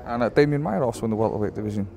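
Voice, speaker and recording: A man's voice: mid-range voice, lively intonation, racing, vocal fry, dark tone. A man working as an interviewer, asking casual, conversational questions about sport. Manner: informal, conversational. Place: backstage at a large arena. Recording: backstage arena interview with crowd noise.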